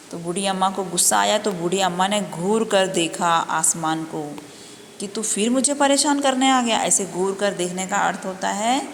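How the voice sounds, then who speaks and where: A woman teaching a Hindi lesson to young children, patiently spelling out and repeating each word. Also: lowish voice. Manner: slow, patient, spelling words out and repeating them. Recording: echoey room, faint background noise.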